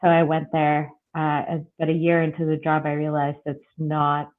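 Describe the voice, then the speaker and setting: A woman born in Russia and raised in Bangladesh, talking as an interview guest in a relaxed, reflective way with fillers. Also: low voice, normal speed. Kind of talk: casual interview conversation. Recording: tinny phone-like line.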